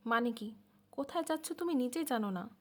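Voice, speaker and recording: A woman's voice: fairly high pitch, lively intonation, a little fast. Woman reading as a blunt, probing young man. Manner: blunt questioning.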